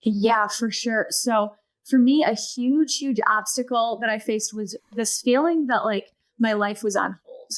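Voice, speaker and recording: A woman in her thirties, appearing as a podcast guest, shares a personal story in conversation with an earnest, lively delivery and a high, bright voice. She takes her time, frequently voicing her past thoughts as quotes.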